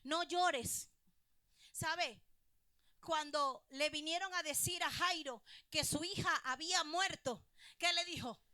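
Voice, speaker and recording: A woman's voice: high voice, measured pace, sharp tone, dry recording, studio quality. A woman pastor preaching a sermon, addressing her listeners directly and repeating phrases for emphasis.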